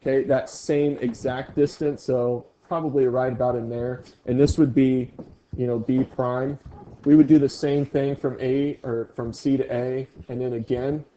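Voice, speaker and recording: A man's voice: medium pitch, level tone, moderate pace, dark tone, highs cut off, slight background noise. A male teacher leading a classroom review lesson, joking with his students. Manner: playful, jokey with students.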